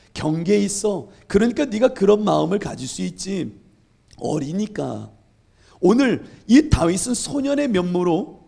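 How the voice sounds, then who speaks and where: A man's voice: high voice, gravelly, a little mellow. A male pastor preaching a sermon, asking the congregation questions and acting out Bible scenes. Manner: asks the congregation rhetorical questions.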